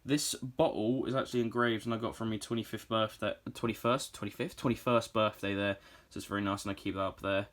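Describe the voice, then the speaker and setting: Low-voiced young British man, casually enthusiastic. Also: fairly even intonation, fast, few pauses. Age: 20s. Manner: enthusiastic, sweary, informal. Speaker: collector hosting a room tour. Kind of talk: casual off-the-cuff vlog chat.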